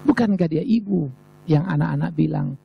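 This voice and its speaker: A man's voice: a little high, normal speed, vocal fry, breathy edge, lo-fi sound. A man preaching a sermon as a pastor, emphatic and rhetorical, repeating phrases for effect. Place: church service.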